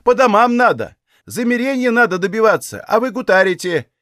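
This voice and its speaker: A man's voice: high-pitched, expressive, brisk, a bit bright, dry recording, clean studio sound, pitched above the performer's own voice. A man voicing a sickly, meek young Cossack soldier pleading desperately to go home. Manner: pleading, exclaiming.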